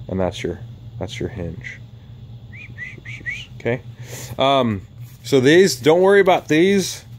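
A man's voice: medium pitch, a little hiss or hum. A man walking through a model airplane kit in a casual, rambling way with lots of ums, talking while he handles the parts. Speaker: RC hobbyist showing a flying wing kit. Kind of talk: casual hands-on walkaround.

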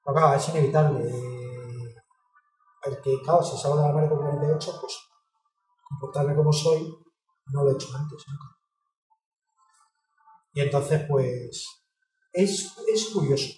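A woman, talking in a casual interview. She speaks frankly, swears and gets animated when she tells stories. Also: very deep voice, normal speed, long pauses. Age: 50s. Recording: roomy, distant mic with music behind.

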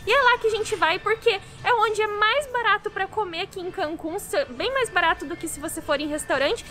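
A Brazilian woman with a very high voice and a Brazilian Portuguese accent, talking through a face mask. She chats straight to her viewers in a casual travel vlog, with music playing behind her. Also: a little fast, pushed and bright. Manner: chatty, addresses viewers directly. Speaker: travel vlogger. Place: outdoor street food market.

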